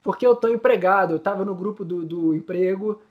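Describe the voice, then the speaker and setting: A man speaks in a fairly high voice, telling stories to an interviewer. He sounds tearful and choked up. He stumbles, repeats words and fills his pauses as his voice breaks. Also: phone-quality sound. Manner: many fillers, repeats words. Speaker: guest, community news group founder. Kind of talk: emotional storytelling in interview.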